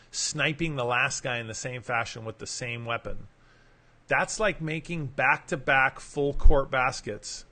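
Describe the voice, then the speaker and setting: A man's voice: mid-range voice, sharp tone. A podcast host reading a magazine article aloud, adding casual asides of his own. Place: home setup, broadcasting live.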